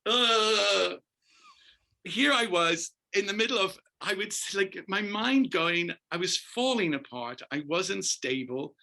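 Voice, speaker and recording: A middle-aged man from Northern Ireland, a dancer and choreographer, telling stories as an interview guest in an animated, emphatic way. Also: high-pitched, slow, gravelly. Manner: animated, emphatic storyteller who keeps addressing the host by name. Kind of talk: storytelling interview.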